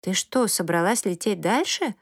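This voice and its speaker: A woman voicing a lively, curious young girl who talks frankly and eagerly in a storybook reading. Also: medium pitch, moderate pace, slightly rough, no room sound, clean studio sound.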